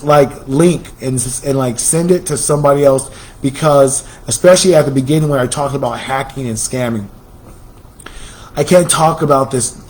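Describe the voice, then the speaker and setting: Chatty salesy American man, high voice. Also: a little mellow, low-quality recording. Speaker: computer store host. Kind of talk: casual promotional talk.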